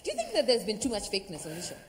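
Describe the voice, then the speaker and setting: A woman's voice: mid-range voice, huge pitch swings, rapid-fire, in a large hall, a little hiss or hum, low-quality recording. A woman hosting a television reunion panel, teasing and laughing often with her guests. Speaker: reunion show host.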